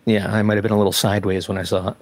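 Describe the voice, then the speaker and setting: A man's voice: fairly low pitch, level tone, rapid-fire. A man co-hosting a podcast in casual chat, telling a story in an easygoing way.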